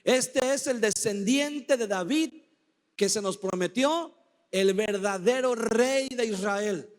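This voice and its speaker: Pastor, man, very high voice, unhurried emphatic sermon delivery, long hall reverb. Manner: slow, emphatic preaching with dramatic quoted cries. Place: church sanctuary.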